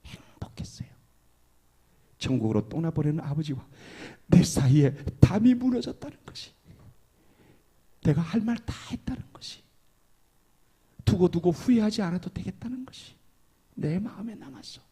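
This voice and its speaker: A man's voice: high-pitched, big pitch swings, moderate pace, long pauses, dark tone, breathy edge. A middle-aged male pastor with a Gyeongsang dialect, telling a heartfelt story in a sermon and often dropping to a whisper.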